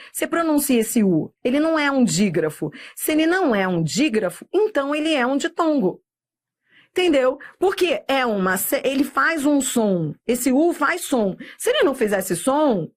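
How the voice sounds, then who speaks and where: A middle-aged woman with a Brazilian Portuguese accent, teaching a recorded exam-prep lesson and drawing words out slowly, often checking in with "tá?". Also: sits high. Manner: slow, drawn-out spelling of words with frequent checks like "tá?".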